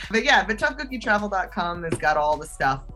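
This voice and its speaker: A woman's voice: mid-range voice, brisk, faint music behind. A woman guest who teaches self-defense and travel safety, talking chattily in a casual interview with lots of fillers. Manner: chatty, animated, with fillers and laughs.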